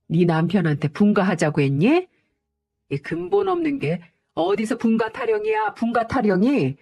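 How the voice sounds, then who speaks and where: A woman's voice: medium pitch, a little mellow. A woman voicing a spiteful scheming mother-in-law. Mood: menacing. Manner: scolding, contemptuous. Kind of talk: storybook reading.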